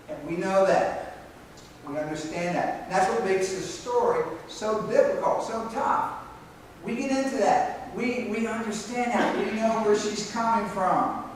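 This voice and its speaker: A man with a high, fairly bright voice preaches a sermon as a church pastor, speaking conversationally with fillers and restarts. There's a slight hiss or hum, and the recording comes from far off in an echoey church sanctuary.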